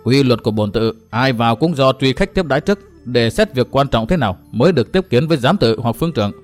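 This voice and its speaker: A man's voice: medium pitch, lively intonation, fast talker, soft background music, close to an everyday voice. A man voicing a stern old monk who guards a temple gate, formal and grave.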